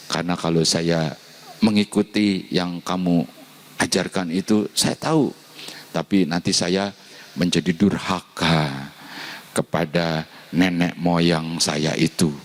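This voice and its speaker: A male pastor preaching a sermon in a conversational, storytelling manner, acting out dialogue. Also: low-pitched. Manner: conversational, with fillers.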